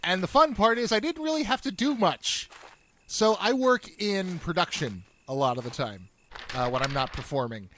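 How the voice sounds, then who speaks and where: A man who voiced a game character and works on the game team talks casually behind the scenes about how he created the voice. He is candid, swears, and laughs easily. His voice sits high with lively intonation at a moderate pace, over music and a noisy background.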